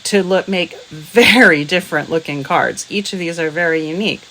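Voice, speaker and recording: A woman's voice: lowish voice, normal speed, a bit bright, low-quality recording. A woman hosting a crafting show in a casual chat with friends. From US West Coast.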